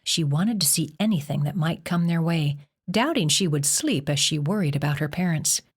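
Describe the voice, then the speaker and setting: A woman reading a psychological horror novel aloud as an audiobook narrator, steady and even. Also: sits low, normal speed, breathy edge. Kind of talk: scripted narration.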